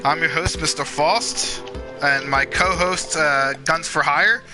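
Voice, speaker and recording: A man hosting a relaxed gaming session with friends, his voice sitting a bit high for a man. He's upbeat and jokey, firing off questions as he plays. Game music plays clearly underneath. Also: slow. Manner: upbeat, joking, asks lots of questions. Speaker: host of a gaming channel. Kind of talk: casual let's-play chat.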